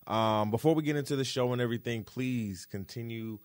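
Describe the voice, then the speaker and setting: A man's voice: mid-range voice, fairly quick, dry recording, clean studio sound. A man hosting a music podcast in casual, hyped, slangy talk, effusive and repeating phrases for emphasis. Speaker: podcast host.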